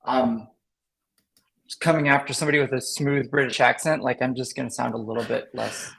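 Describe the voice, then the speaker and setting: American male guest, gravelly voice, loose chatty delivery. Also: mid-range voice, steady tone, fairly quick, a bit bright, low-quality recording. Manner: loose, with many "like"s. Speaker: guest author and educator. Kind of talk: casual live stream interview.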